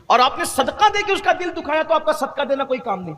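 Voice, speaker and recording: A man with a very high voice preaches with passion, now and then acting out the people in his stories. His voice rings with a long hall echo. The delivery is forceful and sermon-like. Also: very animated. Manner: impassioned, preachy, acts out quoted voices. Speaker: Islamic preacher. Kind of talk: sermon-style speech.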